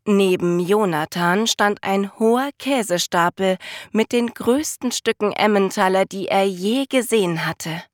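A woman narrating a children's story aloud in a calm, lively storytelling manner. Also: medium pitch, unhurried, no echo, studio quality.

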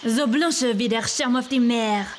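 A woman's voice: fairly high pitch, measured pace, a little hiss or hum, close to an everyday voice. A woman doing a haughty French-accented rose bush.

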